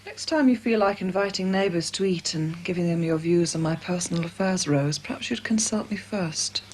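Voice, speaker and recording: A woman acts a coolly annoyed, reserved character in a TV drama. Her voice is fairly low and her manner curt and reproachful. Faint room noise sits behind her. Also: moderate pace, lightly acted, rough recording. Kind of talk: naturalistic TV drama acting. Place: indoors in a living room.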